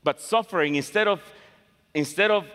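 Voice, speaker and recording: Switching from English to Spanish and back with each line, this man delivers an emphatic sermon, repeating phrases for emphasis. His voice sits high and fairly bright, his pace is measured, and the hall echoes with long reverb.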